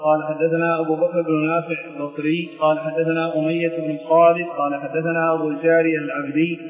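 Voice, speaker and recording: A man reading classical religious texts aloud in a measured chant, for a teacher to explain. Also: fairly high pitch, completely flat delivery. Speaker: student reading hadith aloud. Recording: echoey hall on a tinny lo-fi recording.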